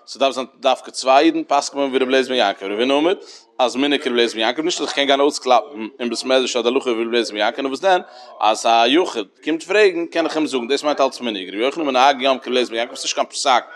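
A man's voice: mid-range voice, fast talker. A man teaching a Talmud lesson in a sing-song study cadence with many fillers.

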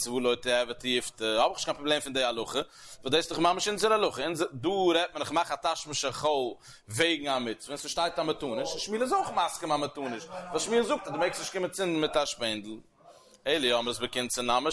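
A man giving a Talmud lecture as a religious teacher, animated, with sweeping rises and falls in pitch. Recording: crowd heard behind the voice. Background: crowd murmur.

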